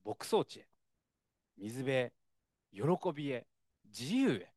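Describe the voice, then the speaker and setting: A man preaching a sermon in a conversational, expressive way, with frequent fillers. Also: mid-range voice, takes it slowly, no echo, studio quality.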